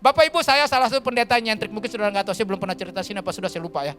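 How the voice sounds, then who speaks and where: A male pastor from Kalimantan preaching a sermon in a lively, colloquial storytelling manner, often turning to the congregation as he talks. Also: high voice, racing. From Kalimantan, Indonesia. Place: church.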